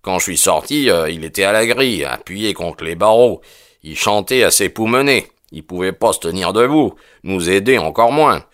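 A man doing a gruff, hesitant constable. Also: deep voice, expressive, moderate pace, fairly bright tone, no echo, clean studio sound. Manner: rough colloquial speech with hesitant fillers. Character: blunt, uneasy working-class male police constable. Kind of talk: audiobook character voice.

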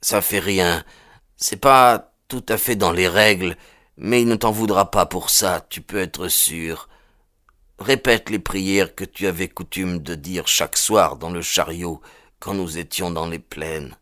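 A man voicing a rough, weary frontiersman who talks slowly and tenderly to a child in an audiobook. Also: low-pitched, bright, forceful tone, no echo, studio quality. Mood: gentle. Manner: slow, grave, tender speech.

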